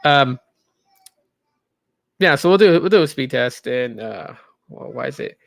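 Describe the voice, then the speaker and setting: A man in his late thirties with a gravelly, fried-edged, medium-pitched voice chats loosely and tiredly to live stream viewers from a small room in his new home. He's expressive and measured in pace but rambling, with lots of fillers, and the dry recording has almost no room sound.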